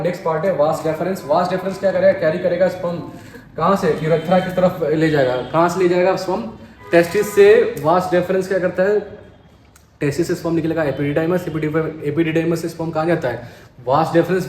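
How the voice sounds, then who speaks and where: At a normal speed and with fairly even intonation, a young man whose voice is high and a bit mellow runs through exam-prep biology. He quizzes himself, repeats key terms, and keeps saying "dekho bhai," all captured in an echoey room with faint hiss.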